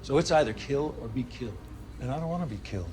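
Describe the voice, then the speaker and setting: A man's voice: medium pitch, animated, fast, noisy background, lightly acted. An actor playing a calculating, evasive man in a TV drama, speaking in a controlled, persuasive way. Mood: cool, persuasive. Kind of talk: naturalistic TV drama acting.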